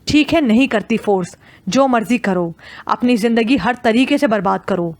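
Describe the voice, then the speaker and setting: A woman's voice: a little high, animated, darkish tone, dry recording, lightly acted. A woman voicing a stern, worried middle-aged mother who scolds her daughter in an audio novel. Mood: scolding. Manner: scolding, reproachful.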